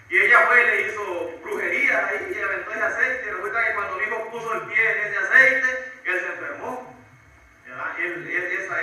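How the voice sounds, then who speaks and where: A man's voice: high-pitched, pushed and bright. A man in his thirties giving a fervent preaching testimony in church, often asking "¿verdad?" and calling people "hermano". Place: church sanctuary. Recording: echoey church hall from far off.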